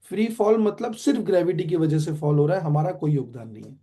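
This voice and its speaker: A man with an Indian accent teaching physics online, quizzing students with quick questions and switching between Hindi and English. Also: a little high, very animated, dark tone. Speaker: physics tutor. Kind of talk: online classroom lecture.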